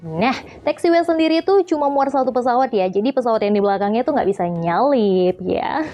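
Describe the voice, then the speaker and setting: This aviation explainer host speaks with a fairly high but dark-toned voice, expressive and brisk, over faint background music. She keeps things playful and jokey, chatting colloquially and staging small dialogues to illustrate ideas.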